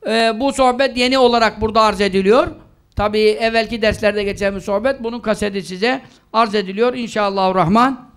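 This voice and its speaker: A man gives an earnest mosque talk through a pulpit microphone. His voice sits very high and carries clean and smooth. He exhorts the congregation and climbs higher when stressing a point. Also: fairly even intonation, brisk, a bit bright. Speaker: preacher. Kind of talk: mosque talk with announcements and prayers.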